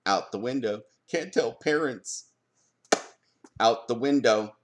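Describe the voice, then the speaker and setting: A man talking in an opinion vlog as a parent. He argues forcefully, stops to ask pointed rhetorical questions and answers them himself. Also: medium pitch, slow pace, noisy background. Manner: emphatic, argumentative, fires rhetorical questions. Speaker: parent commenting on school board policy.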